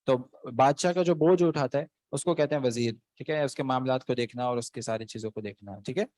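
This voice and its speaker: A man's voice: medium pitch, darkish tone, no echo. Patient male teacher on a class call. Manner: patient, keeps checking with "okay". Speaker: Arabic teacher. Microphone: online video call.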